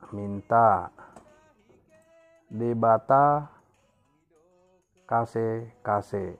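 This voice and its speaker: A man teaching a local language, reading a dictionary word by word, stressing each headword and repeating it, then giving its meaning. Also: fairly low pitch. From Indonesia. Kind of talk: slow word-list reading lesson.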